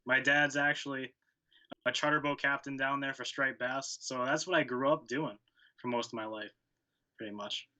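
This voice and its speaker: A young man from Connecticut answers interview questions in a laid-back, plain-spoken way. His voice sounds bright, and his answers are short and simple. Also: mid-range voice, steady tone, normal speed, poor audio. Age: young adult. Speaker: guest angler.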